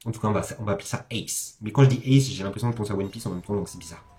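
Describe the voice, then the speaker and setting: Racing along in a lowish, warm voice, this host explains a speedrun in a casual way. He stumbles, corrects himself, and tosses in informal asides while background music plays.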